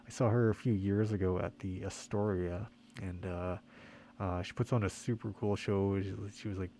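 A man hosting a music radio show in a casual, halting, quiet way, slightly muffled by the mask he is speaking through. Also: sits low. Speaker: radio host and DJ. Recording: faint background noise, muffled by mask.

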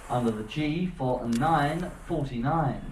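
A man calling bingo in a teasing showman's patter, pausing for suspense and repeating the numbers. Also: medium pitch. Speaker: bingo caller. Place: ship lounge with an audience. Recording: echoey lounge, far mic, crowd noise.

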